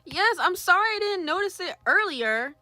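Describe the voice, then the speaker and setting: A woman's voice: very high-pitched, lively intonation, normal speed, pushed and bright, dry recording. A young woman chatting casually on a drawing livestream, reading chat aloud and greeting viewers. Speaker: streamer.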